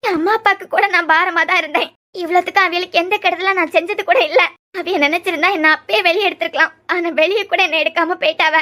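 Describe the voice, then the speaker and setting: A woman's voice: very high-pitched, pushed and bright. A woman voicing a remorseful, lonely young woman in a cartoon, with a Kanyakumari Tamil accent and a pleading, confessional way of talking.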